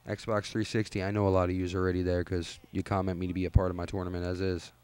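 A young man with a lowish voice gives relaxed, rambling commentary over his gameplay. He sounds tired and laid-back, and he pokes fun at himself as he goes. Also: quick pace, clean tone. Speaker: gaming channel host.

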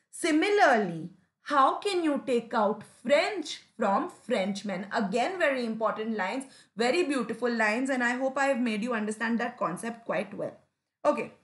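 Recorded in an echoey room, this English teacher walks through a story line by line, frequently checking "right?" and adding "you know." She is a young adult Hindi native speaker with an Indian English accent, and her high-pitched, slightly bright voice has lively intonation and a measured pace.

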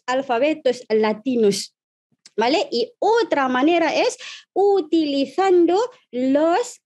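A Malaysian woman whose first language is Malay gives an online language lesson with a clear Malaysian accent. Her voice sits high, and she speaks at an unhurried pace. She spells words out letter by letter and keeps checking in with her listeners. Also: darkish tone. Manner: friendly, checks in with "¿vale?" often; spells out letters and syllables slowly. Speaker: language teacher.

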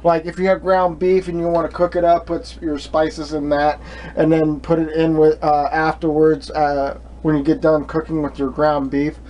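A man's voice: fairly high pitch, little pitch movement, moderate pace, darkish tone, rough recording. A young man hosting a casual home cooking demonstration in a small kitchen, rambling with many fillers and restarts, recorded on the camera mic. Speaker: home cooking video host. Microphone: camera mic, filming himself at the stove.

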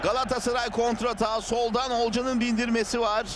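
High, emphatic male football commentator over crowd roar. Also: level tone, a little fast. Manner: emphatic, shouted delivery. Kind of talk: live TV football match commentary. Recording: loud stadium crowd roar and noise. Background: roaring football stadium crowd.

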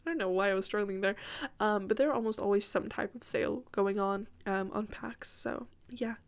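A woman's voice: medium pitch, fairly quick, clear, resonant tone. A woman giving a casual, rambling gaming voiceover, interrupting herself with asides, her sore voice strained and cracking now and again. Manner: chatty, self-interrupting, apologetic asides. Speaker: gaming video creator.

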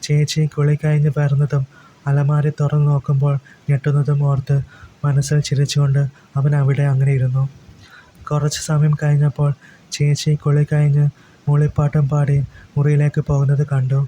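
A man reading a story aloud as storyteller, in an even, unhurried way. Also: on the high side, a little hiss or hum, poor audio. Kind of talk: storybook narration.

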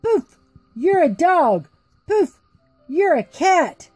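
A woman's voice: very high voice, big pitch swings, drawn-out words, darkish tone, dry recording, faint music behind, pitched above the performer's own voice, exaggerated voice, rough recording. A woman voicing a grumpy, mean old witch in a storybook, chanting rhyming spells.

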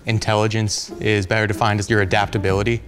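A man in a studio interview, explaining his views in a measured way. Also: fairly low pitch, level tone.

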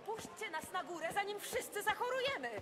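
A woman's voice: very high-pitched, lively intonation, fairly quick, over music. A woman voicing an indignant, panicky resident who complains shrilly in a dubbed video game. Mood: outraged, anxious. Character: indignant, panicky female resident demanding to go upstairs.

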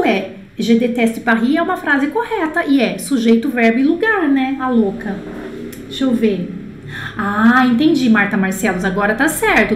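High-voiced chatty woman teaching French. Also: reverberant, a little hiss or hum. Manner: chatty, reads out student answers and corrects them; slows down to model French pronunciation. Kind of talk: live online language lesson.

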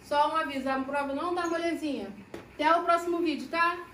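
A teacher explains a lesson in a high, light voice, stretching out key words and checking in often. She sits a little back from the mic, and the room gives her voice a noticeable echo. Faint background hum sits behind her. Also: a bit bright. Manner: slow, drawn-out explanations with frequent "né?" and "ó". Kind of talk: recorded class lesson. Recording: echoey room, voice from a distance.

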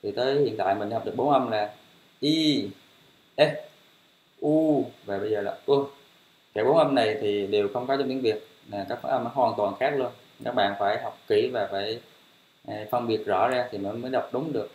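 A man's voice: mid-range voice, moderate pace, a little mellow. A man teaching English pronunciation, repeating each word several times in a patient, encouraging way. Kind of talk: language lesson, drilling words. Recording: roomy echo.

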